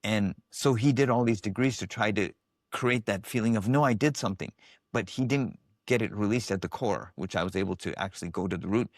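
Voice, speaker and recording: A man's voice: on the low side, fairly quick, dry recording, studio quality. A man being interviewed as a guest expert, telling stories with animation and acting out the voices of the people he quotes. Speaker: guest, biofeedback specialist. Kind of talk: casual interview storytelling.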